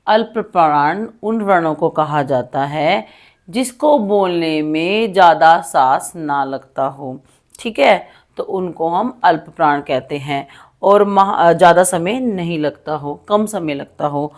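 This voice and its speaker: A woman teacher walks through a grammar lesson at a very slow, deliberate pace. Her voice sits slightly low. She often checks "ठीक है" and slips in English terms as she writes. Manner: slow, patient explaining with frequent "ठीक है" checks; mixes English words into Hindi. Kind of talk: Hindi grammar lesson, writing on a board.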